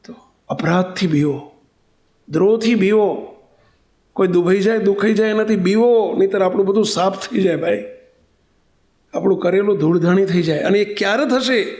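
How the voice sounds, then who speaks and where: A man's voice: sits high, a little mellow. A Gujarati-accented man giving a religious discourse to a congregation, telling a story and asking his listeners questions. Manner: storytelling, asks the audience questions. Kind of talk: sermon.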